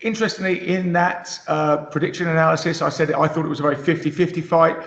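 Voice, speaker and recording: Gravelly British-raised man analysing boxing. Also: on the high side, steady tone, quick pace, fairly bright tone. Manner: thoughtful, many fillers and restarts. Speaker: boxing pundit. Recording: roomy, muffled lo-fi sound.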